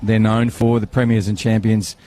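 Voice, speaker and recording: A man's voice: fairly low pitch, flat delivery, normal speed, warm tone. A man, commentating live on a football match outdoors, chatty and rambling, with banter and fillers.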